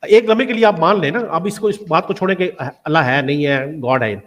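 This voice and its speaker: A man in a heated online debate, explaining calmly and telling the other not to shout. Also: on the high side, brisk.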